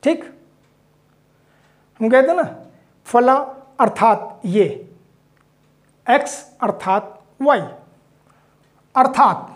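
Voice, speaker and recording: A man's voice: extremely high pitch, animated, extremely slow, long pauses. A man teaching a Hindi spelling lesson, explaining patiently while writing words out and often checking in with his class. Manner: explanatory, checks in with "theek", mixes in English phrases.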